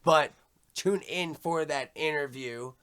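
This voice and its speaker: A young man with a New York accent hosting a podcast, talking fast and full of slang in a casual chat. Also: fairly high pitch, fairly bright tone, clear, resonant tone. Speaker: podcast host.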